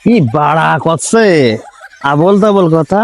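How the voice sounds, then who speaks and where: A man's voice: fairly high pitch, a little slow, slight background noise. A man playing an irritable, coarse local worker in a comedy sketch, grumbling and mocking with a colloquial Bangladeshi accent. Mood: irritated. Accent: colloquial Bangladeshi Bengali. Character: irritable, foul-mouthed male local labourer, mocking.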